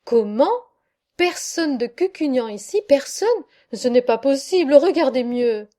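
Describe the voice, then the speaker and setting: A woman's voice: high-pitched, lively intonation, unhurried, warm tone. A woman voicing a fretful village priest. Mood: pleading. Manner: pleading, fervent, easily alarmed. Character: anxious village priest, a middle-aged man.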